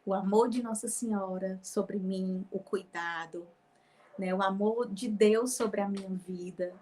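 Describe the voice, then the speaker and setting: A woman's voice: mid-range voice, fairly even intonation, unhurried, darkish tone. A woman telling a personal faith testimony as a guest, acting out past conversations and often near tears. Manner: storytelling, acting out dialogue, frequent "né?" tags.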